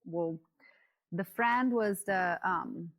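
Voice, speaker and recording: A woman's voice: fairly low pitch, drawn-out words. A woman in her thirties with an Italian accent, a guest on a podcast who talks hesitantly with many fillers and restarts and laughs often. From Italy. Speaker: guest, coach. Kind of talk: casual podcast interview. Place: yurt at home.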